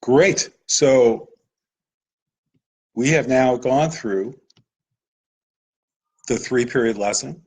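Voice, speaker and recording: Husky-voiced man presenting a webinar. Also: medium pitch, very slow, pauses often, darkish tone, rough recording. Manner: patient explanatory, with filler "uh"s. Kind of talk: live webinar lesson over slides.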